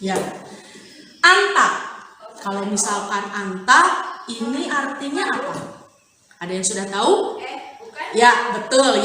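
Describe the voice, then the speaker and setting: Indonesian lady teacher, slow singsong lesson, high voice, really echoey recording w faint hiss. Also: pushed and bright, recorded from a distance. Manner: slow, sing-song teaching with long pauses. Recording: heavy room echo, faint background hiss.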